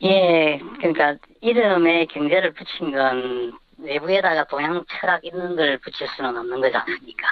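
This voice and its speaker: An anonymous radio interview guest whose voice is disguised with a voice changer, giving halting, measured, careful answers. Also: medium pitch. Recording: dull lo-fi disguised line.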